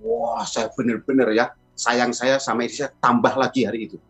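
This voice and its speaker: A middle-aged man telling a personal testimony in a sermon as pastor, with animated storytelling. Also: mid-range voice, moderate pace, creaky, soft background music. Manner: animated storytelling, acts out quoted voices.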